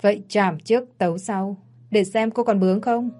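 Cocky bossy rich guy in glasses done by a woman, mellow, mocking. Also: medium pitch, fairly even intonation, normal speed, soft background music, lightly acted. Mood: cold, mocking. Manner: mocking and domineering.

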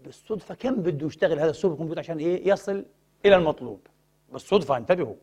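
Man, lecturer, rapid delivery, high-pitched, prompts audience with questions. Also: expressive, a little mellow, husky. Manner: rhetorical questions, prompting the audience to fill in words. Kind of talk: religious science lecture.

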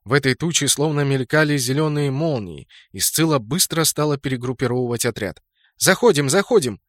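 A man's voice: medium pitch, a little fast, fairly bright tone, no room sound, studio quality. A man reading scripted fantasy game fiction as an audiobook narrator.

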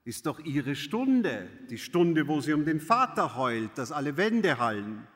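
Venomous servant woman, read by a man, slow, hall reverb. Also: a little high, big pitch swings, a bit bright. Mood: spiteful. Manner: mocking, venomous. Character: spiteful young serving maid, woman.

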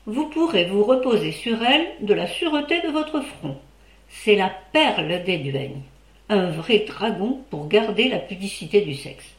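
A woman voicing a widowed male master who recommends his housekeeper in a smooth, persuasive manner. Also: mid-range voice, animated, a little slow, lightly acted. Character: widowed male barber-surgeon, obliging talker. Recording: roomy echo.

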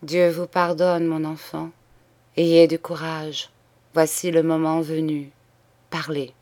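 A gentle old priest in a storybook reading, voiced by a woman, calm and soft. He speaks slowly and a little low, blessing and comforting.

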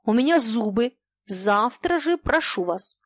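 A woman's voice: lively intonation, a little slow, no room sound. A woman reading an audiobook, voicing an irate landlady with a toothache who hisses, whistles and shrieks her words. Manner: hissing, whistling, shrill.

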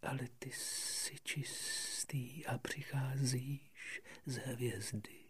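A man voicing a sly male snake in an audiobook, speaking in a hushed, secretive whisper. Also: mid-range voice, steady tone, breathy edge. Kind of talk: audiobook reading.

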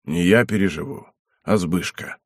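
A man voicing a husky, weary old knight. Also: low voice, moderate pace, no room sound, clean studio sound, pitched below the performer's own voice. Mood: wistful. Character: old ailing male knight, weary and stubborn. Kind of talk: audiobook character reading.

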